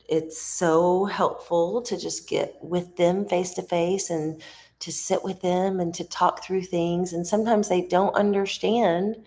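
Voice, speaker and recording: A woman vlogs from a resort, talking in a rambling, heartfelt way. Her voice sits low with a gravelly edge. She takes her time, drifting from thought to thought. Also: a little mellow. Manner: rambling, heartfelt, searching for words. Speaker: vlogger and mom. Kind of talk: casual reflective vlog talk. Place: at a resort on vacation.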